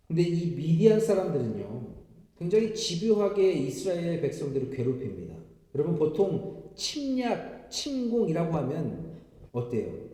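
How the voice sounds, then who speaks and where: A man's voice: a little high, mellow. A male pastor giving an emotive Sunday sermon, speaking directly to the congregation. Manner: emotive preaching, voicing prayers and addressing the congregation. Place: church sanctuary. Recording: echoey church hall with long reverb.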